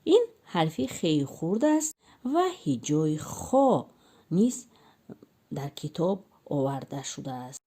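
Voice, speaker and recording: A woman with a Tajik accent, a teacher giving a children's alphabet lesson and sounding out syllables slowly. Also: deep voice, very animated, dark tone, husky. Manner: slow sing-song syllable drilling for children.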